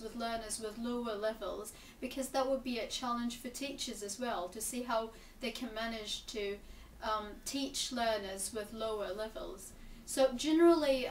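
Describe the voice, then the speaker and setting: Woman in her 20s, somewhat high voice, hesitant with ums, interview answers, echoey room, mic set back, faint ambience. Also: recorded from a distance, a little hiss or hum. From Gaza Strip, Palestine. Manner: thoughtful, hesitant with frequent ums and restarts. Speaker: interviewee, English teacher and graduate student.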